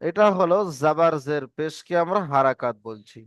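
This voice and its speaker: A man's voice: on the high side, lively intonation, normal speed, smooth, no room sound, studio quality. A man teaching Arabic reading marks to students, patiently repeating drills and checking that everyone follows. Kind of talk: online Arabic letter lesson.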